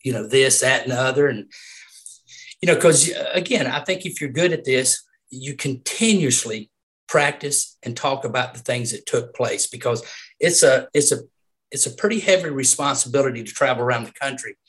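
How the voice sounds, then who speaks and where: A man's voice: medium pitch, moderate pace, a bit bright. Emphatic Southern man, laughing often. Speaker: retired umpire, podcast guest. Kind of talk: casual interview chat.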